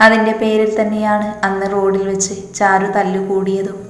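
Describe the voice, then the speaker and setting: Woman narrating in a flat, even voice. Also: mid-range voice. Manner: steady, measured reading. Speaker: story narrator. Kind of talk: storybook narration. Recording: echoey room with long reverb.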